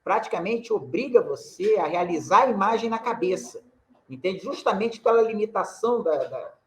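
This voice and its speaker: A man's voice: high-pitched, animated, normal speed. Explanatory Brazilian man teaching poetry. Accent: Brazilian Portuguese. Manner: explanatory, frequent tag questions. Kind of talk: online workshop lecture.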